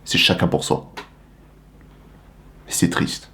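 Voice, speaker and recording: A young vlogger from the Republic of the Congo speaks slowly to the camera in a casual, animated monologue full of slang and rhetorical questions.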